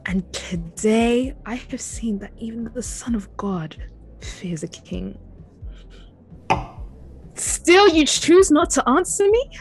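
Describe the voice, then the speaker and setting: Woman playing King Herod, slow and imperious. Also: on the high side, expressive, faint music behind, low-quality recording. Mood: indignant. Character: proud, menacing King Herod, taunting a silent prisoner. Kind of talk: dramatic audio play acting.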